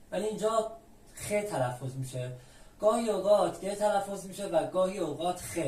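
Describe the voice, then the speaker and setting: A patient, methodical teacher from Iran walks through the alphabet and repeats every example word slowly. The mic sits some distance away, so the voice carries a roomy echo. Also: mid-range voice, a little mellow. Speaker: language teacher. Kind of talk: explaining the Spanish alphabet step by step.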